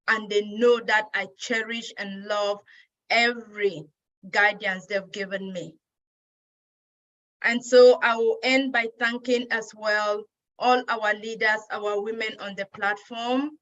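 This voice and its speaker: Slow, earnest woman from Cameroon. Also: medium pitch, bright, forceful tone, highs cut off. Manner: earnest, measured, grateful. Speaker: speaker at a women's day event. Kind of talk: heartfelt personal speech.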